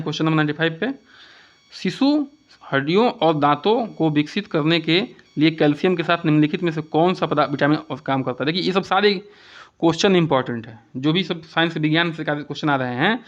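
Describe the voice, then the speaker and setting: A man teaching an exam-prep lesson, with a voice on the higher side. He poses each question aloud, answers it himself and repeats the key points over and over. The recording sounds muffled and lo-fi. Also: a bit bright. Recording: dull lo-fi recording.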